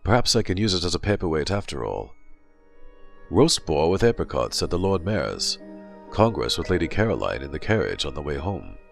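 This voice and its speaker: Deep, gravelly, pompous narrator. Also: male voice, sing-song, moderate pace. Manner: pompous, self-satisfied diarist. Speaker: audiobook narrator. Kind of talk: dramatic diary narration. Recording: music bed behind.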